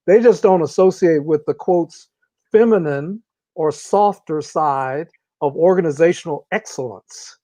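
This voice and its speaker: A man speaking as an interview guest, explaining ideas in a measured, deliberate way with long pauses. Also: a little high, dark tone, dry recording. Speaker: interview guest, organizational consultant. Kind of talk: reflective conversational explanation.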